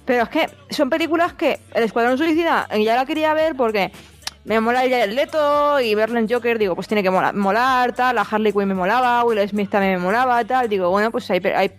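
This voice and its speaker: A woman's voice: fairly high pitch, a little fast, soft background music. A woman with a Spain Spanish accent in a casual film chat, frank and slangy.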